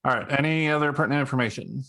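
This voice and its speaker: A man moderating a game, making brisk procedural announcements to the players. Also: mid-range voice, crowd noise.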